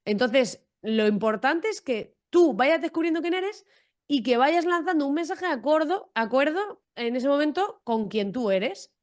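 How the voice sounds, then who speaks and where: A woman's voice: sits high, expressive, a little slow. A woman from Almería, Spain, talking frankly, directly and with humor as a guest in a podcast interview. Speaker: guest entrepreneur.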